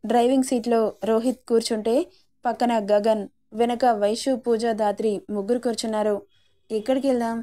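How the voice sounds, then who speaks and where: A woman narrating a romantic love story in a steady storybook reading manner. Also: on the high side, a little fast.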